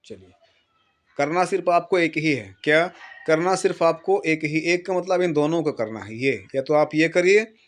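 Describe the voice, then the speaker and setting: Teacher man with a higher voice. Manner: slow dictation of English sentences, repeats and quizzes students. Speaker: English teacher. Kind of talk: exam-prep lesson explaining in Hindi.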